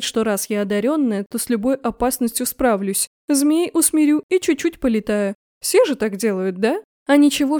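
A woman's voice: fairly high pitch, dark tone, no room sound, studio quality. A young woman reading a first-person fantasy novel aloud, with wry sarcastic asides. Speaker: audiobook narrator. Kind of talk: first-person audiobook narration.

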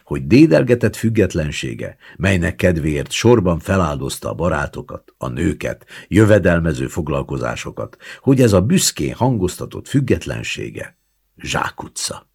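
A man narrating a literary short story in an expressive, dramatic reading with hushed asides. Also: low voice, gravelly, breathy edge. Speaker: audiobook narrator.

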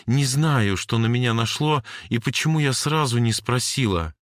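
A man reading an audiobook and voicing a tense, suspicious young woman in a raised, shrill, accusing voice. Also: normal speed, dry recording, clean studio sound, close to an everyday voice. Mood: anxious.

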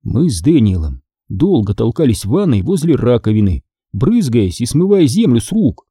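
A man reading a children's story aloud as narrator, with expressive, dramatic pacing. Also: medium pitch, moderate pace, breathy edge, no echo, studio quality. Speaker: audiobook narrator.

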